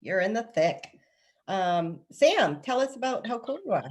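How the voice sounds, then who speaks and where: A woman's voice: a little high, very animated, measured pace. A woman moderating a video-call panel, upbeat and encouraging as she hands the floor to each speaker.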